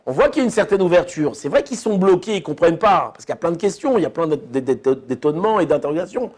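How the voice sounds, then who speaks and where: Rabbi guy teaching a class, chatty, keeps asking the room questions, high voice. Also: animated, fast, a little mellow. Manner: chatty, asks listeners questions, lots of restarts. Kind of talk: informal Torah lesson.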